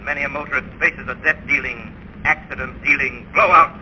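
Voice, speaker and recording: An actor playing an ominous, all-knowing avenger, giving menacing warnings in 1930s radio style. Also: male voice, medium pitch, steady tone, fairly quick, sharp tone. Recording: noisy, muffled 1930s radio recording.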